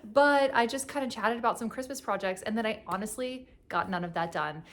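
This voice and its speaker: A young woman with a cold hosts a knitting podcast, her slightly high, sniffly voice moving fairly quickly over a faint hiss or hum. She rambles through a casual chat, full of fillers and laughter.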